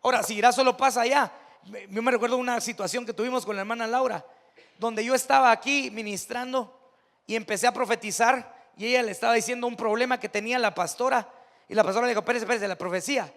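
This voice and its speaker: Mexican pastor guy, high voice, chatty storytelling sermon, big reverby hall. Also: steady tone, quick pace, a bit bright. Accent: Mexican Spanish. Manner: storytelling, conversational, rising to emphatic preaching. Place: church sanctuary.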